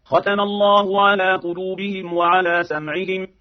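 A man reciting scripture in a measured chant, from an old radio archive. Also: high-pitched. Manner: chanted, even, measured delivery. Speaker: Quran reciter. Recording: dull lo-fi archive radio recording.

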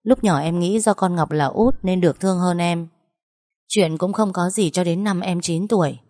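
Brief: low-voiced woman reading a story calmly, dry close sound. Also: moderate pace, no echo. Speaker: story narrator. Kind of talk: first-person story reading.

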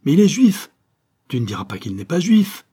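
A man's voice: medium pitch, sing-song, a little fast, dark tone, husky. A man reading aloud, voicing a proud, domineering old paralysed woman in indignant outbursts.

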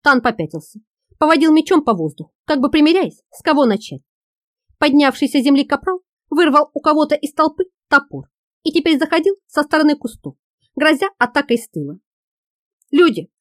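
A woman narrating an audiobook in a lively, expressive reading. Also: high-pitched, a little fast, no echo, clean studio sound.

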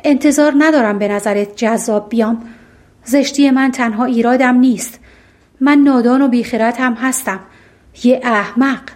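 A woman voicing a lonely male beast in an audiobook fairy tale, speaking in a halting, plain and soft way. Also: a little high, lightly acted. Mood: humble. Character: gruff lonely beast, male, shy and humble. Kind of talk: audiobook storytelling.

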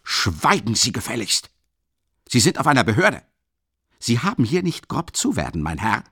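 A man reading an audiobook, playing a hot-tempered male police lieutenant who barks loud commands. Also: low-pitched, very animated, normal speed, no room sound. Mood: shouting.

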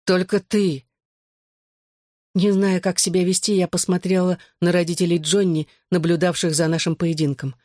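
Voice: medium pitch, level tone, fairly quick, hardly any pauses, darkish tone, no echo, clean studio sound. An audiobook reader giving an earnest, emotional first-person narration of a novel.

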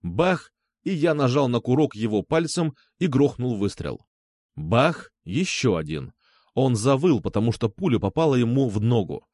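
A man narrating a first-person crime audiobook with a dramatic, expressive reading. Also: mid-range voice, normal speed, no room sound, clean studio sound.

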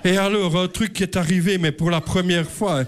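A man's voice: high voice, steady tone, fairly quick. A middle-aged man telling a rambling, self-mocking comic story on stage. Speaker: comedian. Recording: live show with audience laughter.

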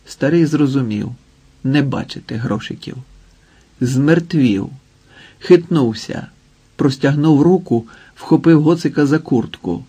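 A man narrating a literary novel as an audiobook reader, in a steady storytelling manner. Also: medium pitch, a little slow, slightly rough.

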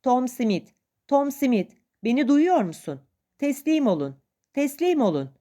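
A woman voicing a frightened captive sailor who shouts to his shipmates to surrender. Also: sits high, big pitch swings, unhurried, voice pushed up. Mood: pleading, urgent.

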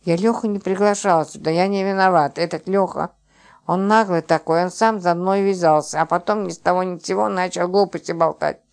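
A naive, easily offended young woman, as a woman narrator voices her in an audiobook. She speaks in a fairly low voice with a touchy, indignant edge to her lines. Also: steady tone, a little fast, vocal fry, darkish tone. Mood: pleading.

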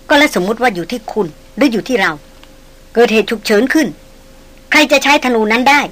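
A woman voicing a gentle young woman in a spoken novel reading, asking questions softly and slowly. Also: expressive. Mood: puzzled. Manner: soft, low questioning.

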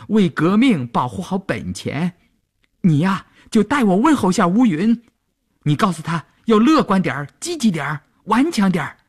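A man reading a radio serial, voicing a brash, loud retired older woman who chatters and scolds. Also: sits high, voice pushed up, exaggerated voice.

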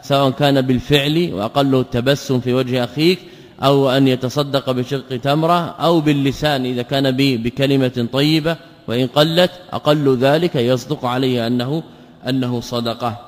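A male scholar teaching a classical text. He asks himself rhetorical questions, answers them, and slowly repeats words and patterns for emphasis. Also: mid-range voice, steady tone. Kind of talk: lecture explaining a classical text. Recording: long hall reverb.

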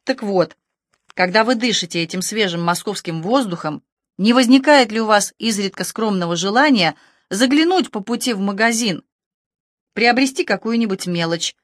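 A haughty, sharp-tongued rich woman, voiced by a female audiobook reader, scolding the police with imperious sarcasm. Her voice sits at a middling pitch. The sound is dry and close, with no room around it. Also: expressive, normal speed, no room sound, natural voice. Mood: imperious, sarcastic.

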